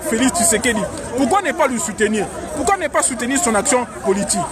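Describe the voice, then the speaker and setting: A man's voice: very high-pitched, lively intonation, fast. A male journalist interviewing a protester in the street, asking questions with many hesitations. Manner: hesitant, many fillers before his questions. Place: outdoor street march in Paris. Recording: noisy crowded outdoor street recording. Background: loud crowd.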